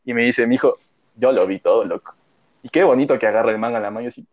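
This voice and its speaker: On dull lo-fi audio, a young man co-hosting a podcast tells a story in casual chat, speaking fast in a mid-range voice. His telling rambles and is full of slang and fillers.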